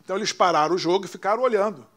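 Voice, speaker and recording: A man with a Brazilian Portuguese accent, a pastor telling his own story in a sermon, dropping to hushed tones for quoted voices. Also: sits high, rapid-fire. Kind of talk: sermon testimony.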